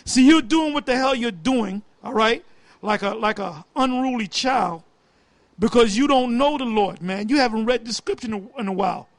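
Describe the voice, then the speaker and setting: A man co-hosting a show, giving scornful, fiery religious commentary and reading verses slowly and deliberately. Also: very high-pitched, no room sound.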